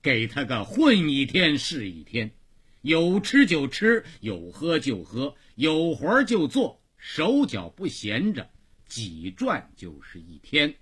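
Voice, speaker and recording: A man with a Beijing accent telling a long story for radio in a dramatic, expressive narrating style. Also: fairly high pitch, slow pace, slightly rough.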